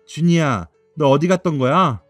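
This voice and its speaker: A man voicing a calm, concerned schoolteacher who breaks bad news gently in a radio drama. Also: on the high side, moderate pace, no echo, faint music behind, voice pushed up, lightly acted. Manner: careful, soothing.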